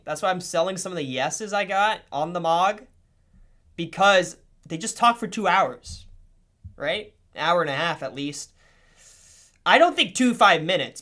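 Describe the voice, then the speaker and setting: A young man livestreaming casual commentary, swearing freely and swinging between low mutters and excited outbursts.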